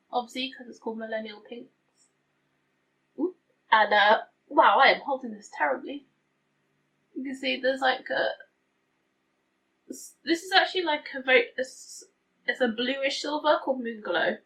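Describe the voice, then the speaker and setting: Bright, higher-voiced woman chatting casually. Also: unhurried, pauses often. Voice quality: slightly tinny sound. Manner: chatty, self-deprecating, rambling. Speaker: beauty vlogger. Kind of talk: casual rambling chat to camera. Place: hot room at home, window open.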